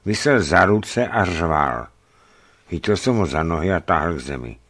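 A man narrating a memoir aloud, telling it in a lively storytelling manner. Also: low-pitched, no echo.

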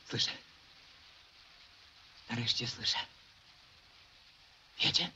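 A man's voice: very slow, noisy background. An actor playing a delirious young male composer lost in the sewers, speaking in a dreamy murmur and whisper, in a 1950s film. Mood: entranced. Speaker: soldier and composer. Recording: muffled old film soundtrack with music.

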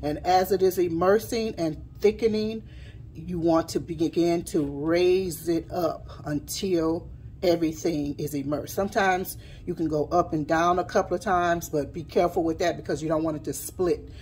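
A woman hosts a home cooking channel from her kitchen, chatting casually and pausing now and then to tidy up and explain as she works. Her voice is fairly low and darkish, with fairly even intonation at normal speed. The camera sits on the counter with her mostly out of frame, and there's a little hiss or hum.

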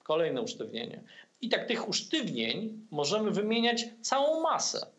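A man's voice: sits high, huge pitch swings, moderate pace, fairly bright tone. A man in his fifties with a Polish accent, a commentator guest speaking over a video call, hesitant with many fillers and restarts. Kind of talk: video-call political discussion. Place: room at home. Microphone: laptop webcam on video call.

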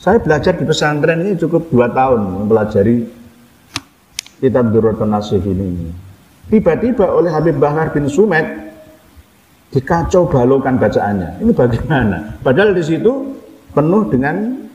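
A man's voice: medium pitch, sing-song, moderate pace, long pauses, a little mellow, a little hiss or hum. A middle-aged man with a Javanese accent giving a critical religious lecture to camera, repeating his points with rhetorical questions. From Java. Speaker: Islamic preacher. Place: indoor room with wooden doors. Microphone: camera in front, seated. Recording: echoey room, dull sound.

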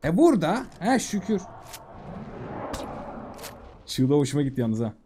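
A man giving casual, excitable commentary while playing a video game, talking to himself and the creatures on screen. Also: fairly high pitch, normal speed, slight background noise. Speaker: gaming YouTuber.

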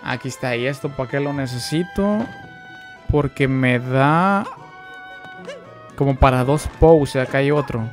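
A young man with a Mexican Spanish accent giving chatty live gameplay commentary, greeting viewers and letting out excitable exclamations. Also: medium pitch, unhurried, pauses often, faint music behind. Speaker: streamer.

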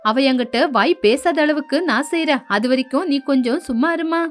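A woman voicing a domineering older mother-in-law in an animated story, scolding and bossy. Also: high-pitched, a little fast, faint music behind, natural voice.

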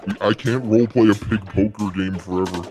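Man through a deep pitch-shifted voice changer. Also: fairly even intonation, brisk, over loud music. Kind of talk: improvised roleplay narration over voice chat.

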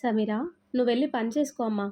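A stern, fair-minded father-in-law asks pointed questions and sets things straight, voiced by a woman telling the story. Her delivery is firm, with a mellow tone and fairly high pitch. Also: fast, natural voice.

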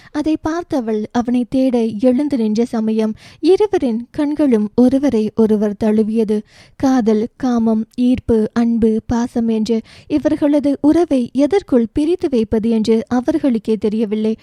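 A woman's voice: a little high, a little slow, mellow, no room sound, clean studio sound. A woman narrating a romance novel as an audiobook, voicing each character's dialogue herself. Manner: shifts briefly into voices for each character.

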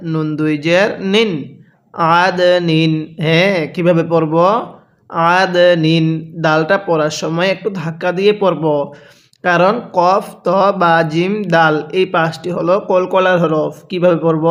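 A man with a high voice leads a Quran reading lesson from Bangladesh. He spells out syllables one by one and repeats them. He keeps asking his own questions and answering them.

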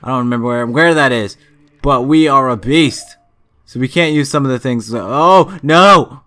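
Excitable man narrating his gameplay. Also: mid-range voice, moderate pace, smooth. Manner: excitable, exclaims and laughs often, curses. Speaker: let's-play gamer. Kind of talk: casual gameplay commentary.

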